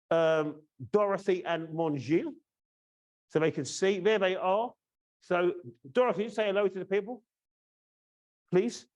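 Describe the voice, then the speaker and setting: A man with a voice on the high side and a darkish tone leads a casual training webinar over a video call. He's from the UK, in his fifties, a chatty and teasing course trainer who keeps checking in with "yeah?".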